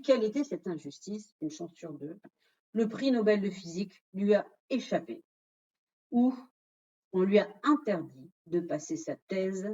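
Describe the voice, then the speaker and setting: A woman hosts an online quiz, putting questions to her audience and walking through the answers in a lively, direct way. Her voice sits at a middling pitch. The audio has the slightly dull sound of a video call microphone. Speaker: webinar presenter running a quiz. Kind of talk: interactive online quiz presentation.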